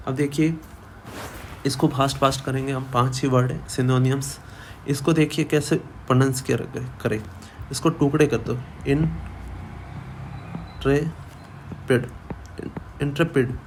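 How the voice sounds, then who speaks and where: A man's voice: mid-range voice, a little mellow, a little hiss or hum. A man teaching vocabulary for exams in Hindi, who repeats each word many times and asks and answers his own questions. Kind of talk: vocabulary lesson for exam students.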